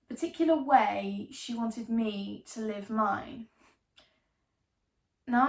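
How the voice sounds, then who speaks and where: A woman performs a young female ghost-story devotee in a stage-style dramatic monologue. Her voice is fairly high, with a gravelly fry at the edges. She tells it slowly and theatrically, wry and defiant, leaning hard on words and hanging on pauses. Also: a little mellow.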